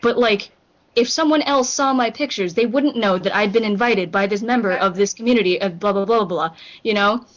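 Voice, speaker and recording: On a muffled, lo-fi podcast recording, this young co-host from Hong Kong talks fairly quickly in a mid-range voice. The group conversation is casual, and she rambles, full of fillers and false starts.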